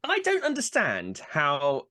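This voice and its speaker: A man's voice: on the high side, huge pitch swings, slow, bright, forceful tone. A man co-hosting a podcast, ranting animatedly in casual chat and mimicking people, with frequent swearing. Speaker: podcast co-host.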